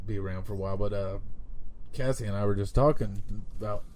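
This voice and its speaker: A man's voice: on the low side, fairly even intonation, fast, crowd noise. A man in his thirties hosting a podcast, teasing his old friend and laughing often. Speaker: podcast host. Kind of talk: casual podcast banter.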